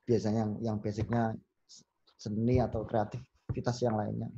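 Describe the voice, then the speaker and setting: A man, a podcast guest telling stories in a relaxed chat and acting out the lines he quotes. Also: fairly low pitch, normal speed, husky, highs cut off. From Solo, Central Java. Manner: animated storyteller who acts out quoted lines. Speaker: podcast guest, business owner.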